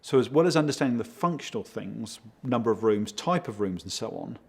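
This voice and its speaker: A man working as a project consultant, giving steady, explanatory interview answers and leaning on key words. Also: fairly low pitch, a little fast, vocal fry, breathy edge. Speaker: project consultant for a home design firm.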